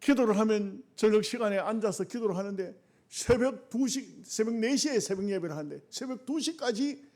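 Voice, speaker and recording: A middle-aged male pastor, preaching colloquially, asking the congregation questions and repeating short phrases, going from loud bursts to quiet asides. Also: high voice, normal speed. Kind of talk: sermon.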